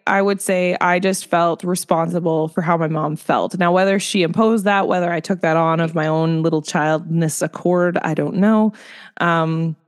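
A woman's voice: on the low side, fairly even intonation, moderate pace, smooth. A woman in her thirties, a podcast co-host, talking candidly in casual chat, laughing often and trailing off mid-thought.

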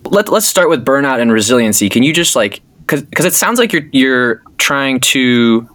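Male podcast host, middle pitch, dry close-miked sound, upbeat and conversational. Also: expressive, moderate pace, fairly bright tone, no room sound. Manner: upbeat intro, casual questions with restarts. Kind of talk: podcast interview hosting.

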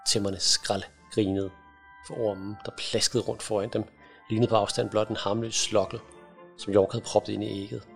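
A man reads a children's fantasy novel aloud in a measured, dramatic way. His voice sits low with a gravelly, fry-laced texture. Soft music plays faintly behind him. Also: little pitch movement. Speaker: audiobook narrator. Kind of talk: scripted fantasy narration.

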